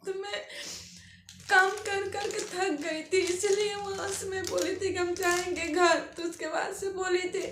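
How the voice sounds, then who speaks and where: A woman with an eastern Uttar Pradesh accent speaks through tears, pleading and repeating herself. Her voice sits very high and moves slowly. The room around her is echoey. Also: fairly bright tone, a little hiss or hum. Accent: Bhojpuri-tinged eastern Uttar Pradesh Hindi. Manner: pleading, emotional, repetitive. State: crying. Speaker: vlogger. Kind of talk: tearful personal vlog appeal.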